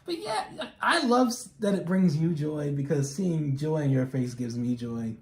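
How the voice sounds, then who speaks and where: A man's voice: on the high side, moderate pace. A man chats casually as co-host of a show. His talk is informal and affirming, peppered with slangy interjections. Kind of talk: casual chat.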